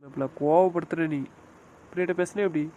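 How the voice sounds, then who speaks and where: A man's voice: on the high side, steady tone, fairly quick, mellow, highs cut off, slight background noise, natural voice. Man doing a scolding, protective brother-in-law. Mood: concerned, scolding. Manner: scolding, prodding, emphatic. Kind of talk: audio drama acting.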